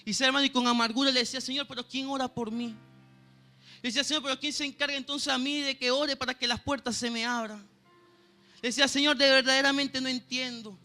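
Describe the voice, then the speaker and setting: A man's voice: extremely high pitch, fairly even intonation, fast talker, pushed and bright, soft background music. A man with a Venezuelan Spanish accent preaching a sermon and sharing a personal testimony, earnestly and often stopping to ask his listeners if they know. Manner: earnest, keeps asking "¿sabe, hermano?". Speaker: church pianist preaching.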